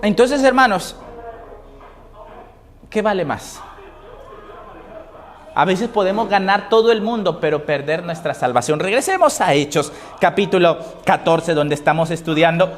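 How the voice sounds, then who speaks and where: High-voiced preaching man, call-and-response. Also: animated, a little slow, pauses often. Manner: swings between raised emphatic reading and low, quiet asides. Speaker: pastor. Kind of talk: sermon.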